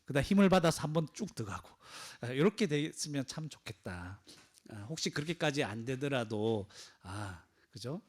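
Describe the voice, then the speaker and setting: A man's voice: medium pitch, sing-song, normal speed, breathy edge. A man preaching a sermon in a conversational style, often asking the congregation questions. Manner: acts out quoted cries with a raised voice. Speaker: pastor.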